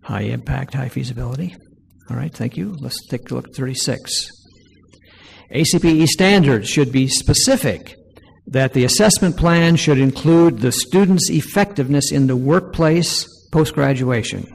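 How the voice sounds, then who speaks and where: A man presenting poll results to an audience, reading each item aloud more loudly and slowly. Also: mid-range voice, gravelly, breathy edge. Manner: reads each item aloud louder and slower. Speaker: presenter leading a workshop poll. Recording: long hall reverb.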